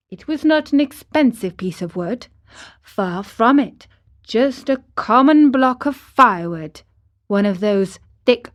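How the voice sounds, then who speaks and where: A woman reading a children's story aloud slowly and clearly for English learners. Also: mid-range voice.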